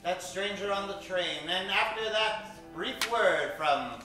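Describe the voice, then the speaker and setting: In a high, unhurried voice, a man narrates and announces in a theatrical, suspenseful style reminiscent of old-time radio. The stage recording sounds distant and very echoey, with music playing.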